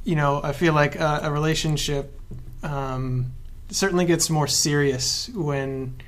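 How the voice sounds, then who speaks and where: A man from the United States hosting a casual interview podcast, asking questions in a relaxed way with fillers. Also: fairly high pitch, a little slow. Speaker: podcast host.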